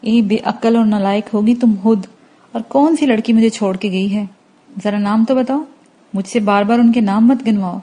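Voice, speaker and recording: A woman's voice: on the high side, dark tone, lightly acted. A woman reading aloud and voicing an irritated, pleading young male student in an audiobook. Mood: exasperated. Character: exasperated young man, a university student.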